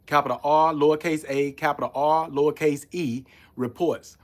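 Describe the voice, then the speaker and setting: A Haitian-born man hosting a live podcast stream in a slightly high voice. He talks in a loose, rambling street style, circling back with "you know what I'm saying.". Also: fairly even intonation, normal speed. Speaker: podcast host. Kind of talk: casual live-stream talk.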